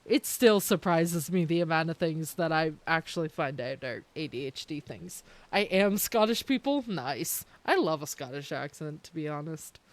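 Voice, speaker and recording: A young Canadian woman, whose accent has some British-sounding words, games on stream and chats casually with her viewers through live chat. She rambles, interrupts herself and laughs a lot, speaking in a low, animated voice at normal speed with hardly any pauses.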